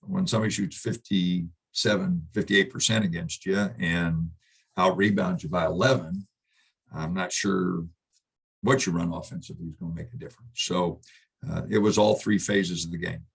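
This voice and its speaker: Middle-aged male coach, deep husky voice, halting postgame answers. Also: steady tone. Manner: halting, subdued, many fillers and restarts. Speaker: basketball head coach. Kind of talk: postgame press conference.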